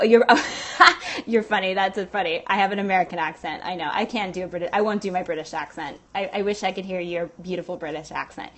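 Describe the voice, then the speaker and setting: A woman's voice: medium pitch, fairly bright tone. Chatty Southern Californian woman livestreaming. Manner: chatty, rambling, many fillers, reads viewer comments. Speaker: livestream host. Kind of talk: casual livestream chat. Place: Pilates studio.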